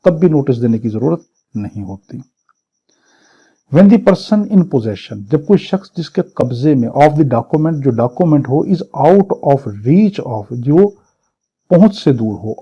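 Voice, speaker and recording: With a fairly high pitch, warm tone, and breathy edge, a man with a Pakistani accent lectures on law for exam preparation. He reads English statutory phrases and explains them point by point, didactically repeating and rephrasing. It's captured in dull, muffled lo-fi audio.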